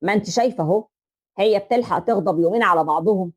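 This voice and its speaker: A woman voicing a worn-out young husband who pleads with his mother, in an Egyptian accent, with a lowered voice. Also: racing, husky, natural voice. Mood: weary pleading. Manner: weary, pleading. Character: troubled young husband, a man.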